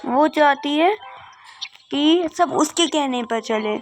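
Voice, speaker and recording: A woman's voice: high voice, slow, soft background music. A woman voicing a chatty little girl princess who tattles about her sister in a doll game. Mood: complaining.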